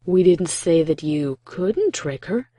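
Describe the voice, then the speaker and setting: A woman's voice: on the low side, lively intonation, takes it slowly, dark tone, slightly rough, dry recording, heavily acted. A woman playing a regal, benevolent older pony princess who speaks nonchalantly and slyly in a fan fiction audio drama. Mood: sly, casual. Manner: nonchalant, casual, composed.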